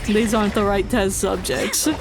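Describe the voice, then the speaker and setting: A woman game streamer with a congested, stuffy-nosed voice gives playful, chatty live commentary, sometimes mock-indignant. Her pitch is medium, her delivery flat, her pace moderate. Game audio and faint music play in the background.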